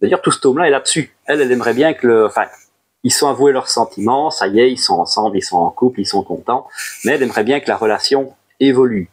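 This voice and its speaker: A man talking casually to camera as he reviews his monthly manga purchases, chatty and animated, with playful asides. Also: quick pace, slightly rough. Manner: chatty and animated, jumps up in pitch on new titles, playful asides. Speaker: manga collection YouTuber.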